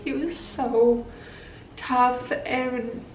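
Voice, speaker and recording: A woman's voice: sits high, fairly even intonation, very slow, darkish tone, slight background noise. A woman talking to viewers in a heartfelt, personal way, earnest and tender. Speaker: family vlog host. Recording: roomy, slightly dull, music behind.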